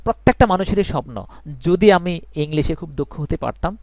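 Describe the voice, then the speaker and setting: Earnest teacher, higher voice. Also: male voice, animated, a little fast, dry recording. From Bangladesh. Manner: earnest, reassuring, repeats points for emphasis. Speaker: English teacher. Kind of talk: live online class.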